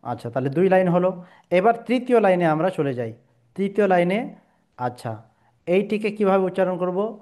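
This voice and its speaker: A man's voice: sits high, expressive, normal speed, pauses often, darkish tone. A man teaching Quran pronunciation step by step, patiently repeating each letter sound and stretching the vowels.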